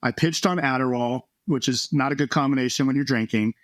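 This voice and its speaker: A man, a former baseball pitcher, earnestly telling his personal story as a podcast guest, animated when he quotes others. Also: fairly quick, dry recording, studio quality.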